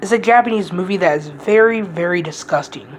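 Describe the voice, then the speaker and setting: A woman's voice: fairly low pitch, fairly quick, slight background noise, poor audio. A woman giving a casual, rambling movie review, blunt and profane, often restarting her sentences.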